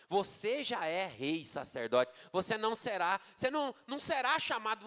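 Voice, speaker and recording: A male preacher delivering a sermon with emphatic repetition. His voice is high and bright. Its pitch swings widely.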